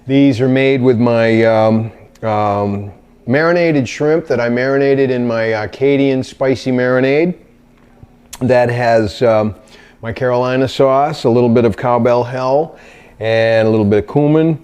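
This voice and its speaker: A man hosting a cooking video, talking through a recipe in his kitchen in a halting, meandering way. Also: mid-range voice, darkish tone, clean tone. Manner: halting, meandering, searches for words. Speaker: cooking show host demonstrating recipes. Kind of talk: unscripted cooking demonstration. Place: home kitchen indoors.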